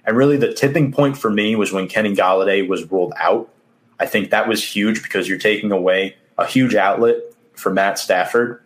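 Low-pitched New sports host. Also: male voice, normal speed. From Queens, New York City. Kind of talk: live sports talk show hosting.

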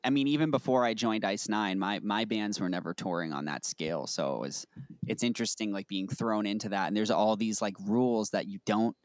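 A man in his thirties, a musician, talking casually in a relaxed, agreeable way with lots of fillers. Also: fairly low pitch, brisk, no echo. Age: 30s. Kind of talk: casual podcast chat.

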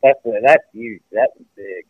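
A man's voice: medium pitch, a little slow. A middle-aged man talking over a phone call in casual chat, blunt and swearing freely. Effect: heard over a phone call. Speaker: guest, father of a co-host. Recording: dull, dry phone-call sound.

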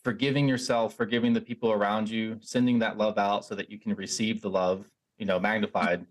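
Brisk and flat in delivery, a man with a lowish voice hosts a podcast in casual interview style. He mulls over what his guest said, reflective and thoughtful, frequently restarting and saying "you know."

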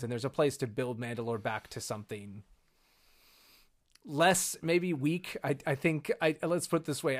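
A man in casual podcast chat, talking animatedly and acting out characters in quick high-pitched bits.

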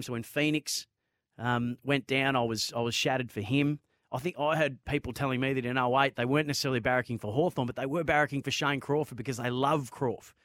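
A man's voice: medium pitch, fairly bright tone, dry recording, studio quality. An Australian man hosting sports talk radio, speaking conversationally to listeners and callers. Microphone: close studio microphone.

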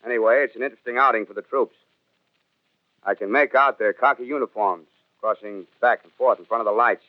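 A man's voice: mid-range voice, fairly quick, no echo. A man playing a confident army captain giving a formal field report over the radio in a 1930s radio drama. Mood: confident, dismissive. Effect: radio transmission. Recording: thin, tinny field radio transmission.

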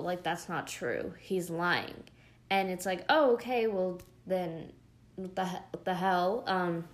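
A young woman chatting casually as she recaps a show, rambling with lots of fillers and gushing asides. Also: medium pitch. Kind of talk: casual chat.

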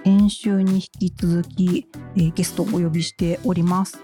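Mellow-voiced woman hosting a podcast. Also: on the low side, level tone, moderate pace, soft background music. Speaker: podcast host. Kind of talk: hosting, reading news summaries and chatting.

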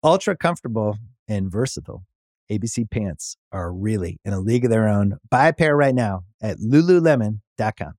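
A man reads a podcast sponsor spot in a loose, chatty, personal way. His voice is at an ordinary pitch for a man. The sound is dry and close. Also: expressive, a little fast, darkish tone, dry recording. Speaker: ad reader. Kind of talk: read sponsor ad.

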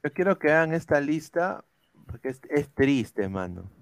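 Man, Peruvian accent, football show host, mocking banter, slightly high voice. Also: very animated, measured pace, over a noisy crowd. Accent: Peruvian Spanish. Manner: teasing, mocking, calls people mano.

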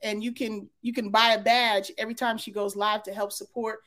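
A woman's voice: a little high, flat delivery, a little fast, fairly bright tone. A woman hosting a live interview, prompting her guest with encouraging questions. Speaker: host.

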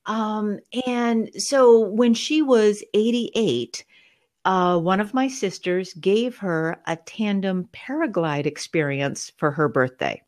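Slow-speaking woman telling her family story. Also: medium pitch, darkish tone. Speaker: guest author. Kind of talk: podcast interview.

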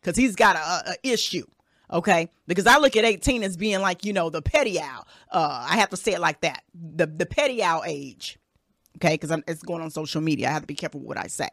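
Fast-talking and expressive, a woman in her thirties with a lowish, somewhat bright voice runs a casual advice monologue on her solo podcast. Her advice is blunt and profane, often punctuated by "okay?", and the sound is echo-free studio quality.

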